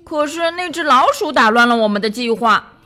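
A woman's voice: fairly high pitch, animated, fairly quick, pushed and bright. A woman voicing a good-hearted young male duck who talks in an eager, good-natured way. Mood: earnest.

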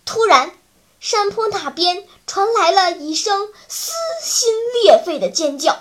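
A woman narrating a children's story in an animated, playful way. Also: very high voice, a little slow.

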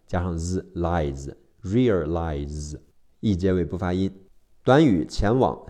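A man teaching English vocabulary, spelling each word out letter by letter and repeating the sounds slowly. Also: lowish voice, mellow. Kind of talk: spelling and phonics vocabulary lesson.

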